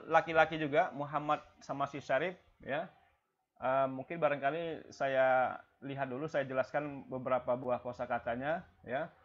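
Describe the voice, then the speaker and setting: A man teaching an online Arabic class, explaining vocabulary slowly and repeating each phrase, often tagging lines with "ya". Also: mid-range voice, fairly bright tone, dull audio. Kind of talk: online language lesson. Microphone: video call.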